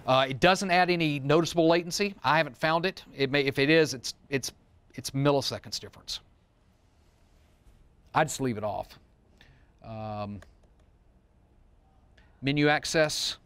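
Seated at a demo table with a handful of people in a studio, a middle-aged man leads a seminar, explaining a product informally with plain talk and casual digressions. His pitch is fairly high and slightly bright, his delivery smooth and unhurried with long pauses. The close wireless mic gives a dry recording.

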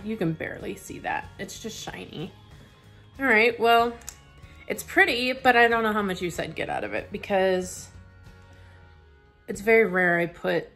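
A woman's voice: mid-range voice, a bit bright. A young woman chatting casually as she unboxes and tries out makeup, musing aloud with plenty of fillers. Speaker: beauty vlogger reviewing a subscription box. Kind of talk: casual chat.

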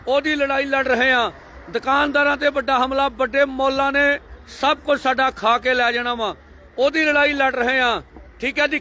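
A man giving energetic live commentary outdoors by a highway among tractors, urging viewers again and again to share, on a handheld phone. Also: slight background noise. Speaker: live-stream reporter at a farmers' convoy.

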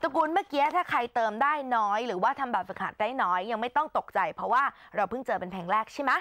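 A woman teacher giving an exam-prep English lesson, explaining in Thai and saying English phrases slowly and clearly for students to repeat. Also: a little high, animated, fairly bright tone, dry recording.

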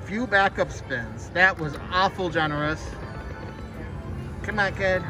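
A man hosting a slot machine video with excited live commentary, exclaiming and repeating his phrases. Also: sits high, slow pace. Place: indoors on a casino floor. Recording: loud music over voice, casino floor. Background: loud slot machine music.

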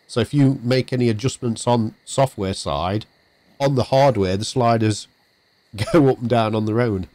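A man's voice: mid-range voice, darkish tone. A man chatting casually to viewers while playing on a live stream from his home setup. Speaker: game streamer. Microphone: desk mic through a mixer.

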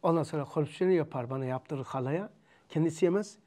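A man with a Turkish accent teaching a religious lesson, emphatic and loud when preaching and softer when telling stories. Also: on the high side, brisk.

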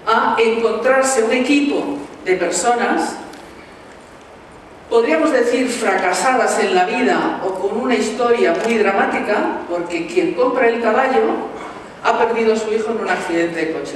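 A woman's voice: a little high, a little slow, a little hiss or hum. Valencian woman speaking in an echoey hall. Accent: Valencian Spanish. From Valencia, Spain. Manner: lively, rhetorical questions, addresses the audience directly. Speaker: motivational speaker. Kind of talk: motivational talk to an audience. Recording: echoey hall, mic from far off.

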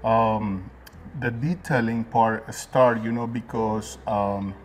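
A man's voice: on the low side, fairly even intonation, slow, a little hiss or hum. Earnest Guatemalan-born man hosting a chat. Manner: plain-spoken, earnest storytelling with fillers. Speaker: host. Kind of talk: casual interview. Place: detailing supply shop, indoors.

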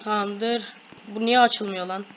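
A woman hosting a gaming video, giving excited play-by-play to her viewers and shouting quick commands during fights. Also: medium pitch, highs cut off. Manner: addresses viewers constantly. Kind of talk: excited gameplay commentary. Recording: loud background noise.

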